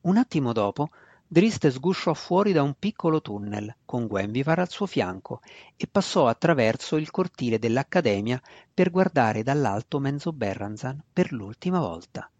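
A man narrating a fantasy novel with a steady, expressive delivery. His voice sits at an ordinary middle pitch. The recording is dry and close, with a slightly dull, muffled tone. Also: normal speed, no echo. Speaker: audiobook narrator. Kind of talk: dramatic fantasy novel reading.

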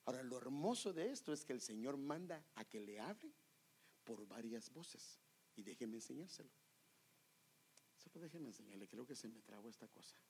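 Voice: mid-range voice, very animated, moderate pace, a little mellow, slight background noise. A preacher gives a sermon in a church, acting out the cries of Bible figures.

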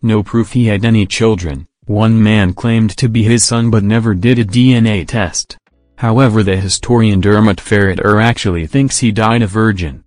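A man's voice run through a robot effect, reading short scripted corrections in a flat, matter-of-fact way. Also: fairly low pitch, moderate pace, hardly any pauses, no echo, studio quality, faint music behind. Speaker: fact-checking narrator.

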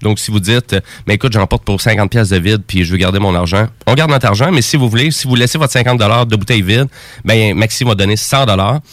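Clean studio audio without room sound captures a radio co-host with a Quebec French accent, whose lowish, fairly bright voice moves at a quick pace. On this casual talk show he gives long, meandering explanations packed with fillers.

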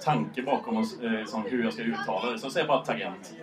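A man's voice: medium pitch, reverberant, far from the mic, crowd noise. A man co-hosting a live podcast on stage, talking in an offhand, joking way. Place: stage at a live show with an audience. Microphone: handheld microphone.

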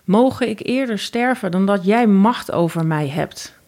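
A woman's voice: mid-range voice, expressive, measured pace. Woman voicing a proud young hunter calling out. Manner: calls out loudly. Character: proud young male hunter fleeing love.

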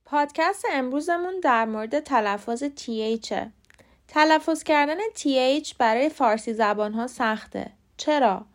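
A woman hosting a short podcast lesson, explaining pronunciation in clear, patient steps. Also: sits high. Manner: clear, patient step-by-step instruction. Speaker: podcast host teaching English pronunciation. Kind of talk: scripted lesson narration.

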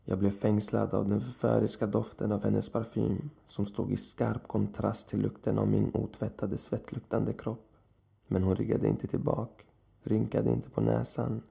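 A man narrating a horror story in a slow, measured way. His voice is low and heavily gravelly, with a dark, muffled tone that suits the dread of the tale.

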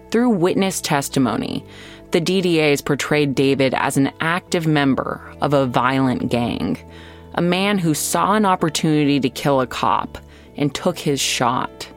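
An American woman hosting and narrating a scripted true-crime podcast in a measured storytelling way with deliberate pauses. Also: rumbling low.

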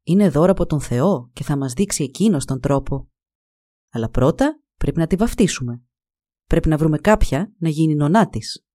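A woman's voice: low-pitched, expressive, dark tone, no room sound, clean studio sound. A woman voicing an earnest, devout male farmer in a storybook reading.

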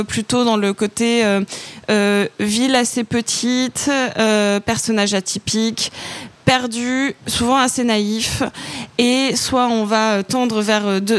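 A sleep-deprived woman critic giving casual opinions on films in a hesitant, slangy, digressive way. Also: a little high. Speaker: film critic on a panel. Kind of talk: casual, opinionated film chat.

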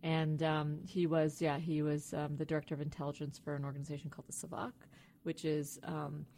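A woman's voice: low-pitched, flat delivery, a little fast, warm tone, slight background noise. A woman in her forties, originally from Iran, talking as a scientist guest on a podcast in a thoughtful, hesitant way. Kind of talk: podcast interview.

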